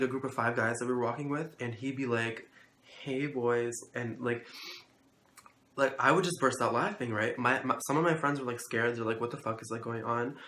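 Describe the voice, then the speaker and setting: A man's voice: medium pitch, fairly bright tone, a little hiss or hum. A young man telling a school story in a casual vlog, rambling with constant fillers, swearing and sounding incredulous. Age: young adult. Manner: rambling, heavy use of "like", profane, incredulous. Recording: echoey room, faint ambience.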